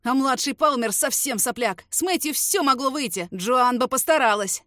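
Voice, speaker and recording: A cowardly young man wails and begs through tears, voiced by a woman reading aloud. His voice is pitched high and pushed loud. The sound is close and dry. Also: expressive, normal speed, dry recording. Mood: sobbing. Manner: wailing, pleading, crying.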